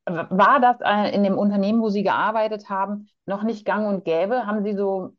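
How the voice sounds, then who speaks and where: A woman interviewer with a middle-pitched voice asks curious follow-up questions. The recording is somewhat dull. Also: steady tone, moderate pace. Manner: curious, probing follow-ups.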